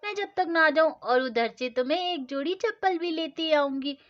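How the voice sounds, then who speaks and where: Strict mother, loud scolding voice, high-pitched, dull lo-fi recording, played by a woman. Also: moderate pace. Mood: caring. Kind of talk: storybook doll-play acting. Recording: dull lo-fi sound.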